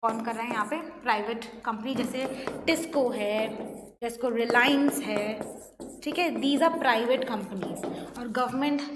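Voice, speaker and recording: High-voiced teacher in an echoey room. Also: female voice, steady tone, measured pace. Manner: explains with questions, mixing Hindi and English. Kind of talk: online class lecture. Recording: echoey room, faint noise.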